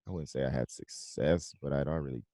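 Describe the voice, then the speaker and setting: Very deep-voiced young man, relaxed. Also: brisk, no room sound. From South Carolina, US. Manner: relaxed, laughs often, loose rambling phrasing. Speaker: musician guest. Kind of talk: casual interview conversation.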